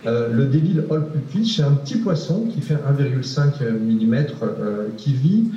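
A man's voice: medium pitch, expressive, normal speed, dark tone, slight background noise. A male researcher answering a question in a panel discussion, hesitant, with many fillers and repeated words. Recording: distant, echoey, dull room recording.

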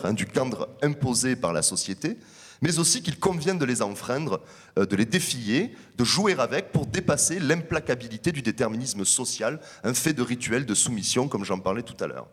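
Male researcher, measured explanatory delivery, conference talk, long hall echo. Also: mid-range voice, animated, slightly rough. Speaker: researcher presenting findings.

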